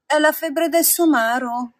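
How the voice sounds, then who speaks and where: A woman voicing a kindly female marmot in a storybook reading, speaking softly, patiently and consolingly. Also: sits high, unhurried, no room sound, studio quality, pitched above the performer's own voice. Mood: gentle.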